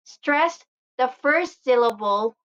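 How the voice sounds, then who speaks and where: A woman giving a slow, explanatory English pronunciation lesson, often pausing with "um" and "uh". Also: sits high, expressive, a bit bright, clean tone, muffled recording. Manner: frequent "um" and "uh" fillers.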